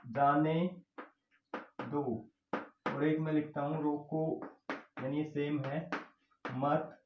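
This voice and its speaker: A man teaching a grammar lesson in Hindi and English, dictating slowly as he writes on a board, with an Indian English accent. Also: on the high side, slight background noise. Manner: slow dictation while writing on a board, switching between Hindi and English. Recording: echoey room, dull lo-fi sound.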